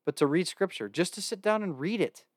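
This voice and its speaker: A man hosting a faith podcast, reading scripture in a measured, earnest way and then talking to listeners in a chatty, sincere manner. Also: high voice, lively intonation, no echo, clean studio sound. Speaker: podcast host. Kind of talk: scripture reading and casual sign-off.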